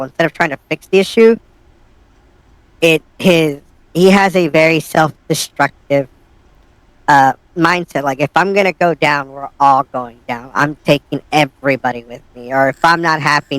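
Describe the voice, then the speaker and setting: An anonymous man speaks through a voice changer that alters his voice, which sits a little high. He talks bluntly and rambles, restarting his sentences often. The sound is dry and close. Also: fairly bright tone, clean tone, no echo, low-quality recording. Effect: voice changer disguising his voice. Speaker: anonymous interviewee. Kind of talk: casual audio interview.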